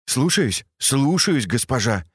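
A man's voice: mid-range voice, sing-song, slow, slightly rough, dry recording, studio quality, heavily acted. A man reading aloud, voicing an obsequious male servant who answers his mistress deferentially.

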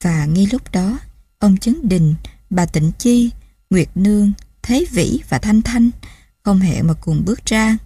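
Mellow, husky woman narrating a novel. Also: mid-range voice, slow, no echo, clean studio sound. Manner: steady, emotive storytelling. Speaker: audiobook narrator. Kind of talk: scripted narration.

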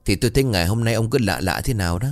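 A man's voice: on the low side, very fast, no room sound, studio quality, close to an everyday voice. A man voicing a caring, talkative older wife who frets over her husband. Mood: fretful.

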